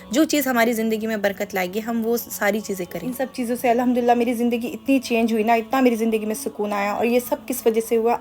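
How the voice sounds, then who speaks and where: A woman hosting her own channel, telling a personal religious testimony in an earnest, confiding, unhurried way. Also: fairly high pitch. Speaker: channel host.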